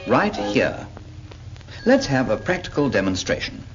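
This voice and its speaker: A British man with a medium-pitched voice narrates a 1940s public information cartoon, speaking a little slowly with huge swings in pitch. His manner is patient and explanatory as he addresses a character in this scripted film narration. The soundtrack is dull, typical of 1940s film, and has music under it.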